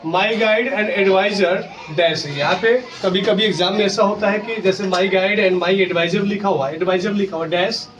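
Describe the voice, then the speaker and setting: A man's voice: high-pitched, normal speed, few pauses. A male school teacher teaching a grammar lesson. He explains step by step, asks questions and answers them himself, and spells words out letter by letter. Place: school classroom. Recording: distant classroom recording with clear background noise.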